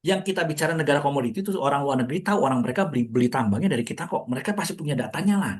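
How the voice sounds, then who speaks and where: Man, stock market commentator, casual chatty explaining, rhetorical questions, fast talker, slightly high voice. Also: lively intonation. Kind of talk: casual market talk to an audience.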